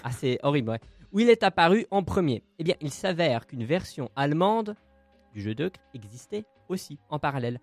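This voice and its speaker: A man's voice: on the high side, big pitch swings, a little fast, a little mellow, no echo, soft background music. A man co-hosting a casual podcast, presenting a segment in a playful, theatrical, jokey way.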